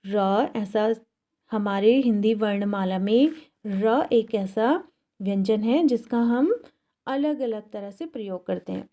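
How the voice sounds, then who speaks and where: Woman teacher, slightly high voice, slow and patient, repeats words for young pupils. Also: dark tone. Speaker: school teacher. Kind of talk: Hindi grammar lesson for children. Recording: dull, lo-fi classroom recording.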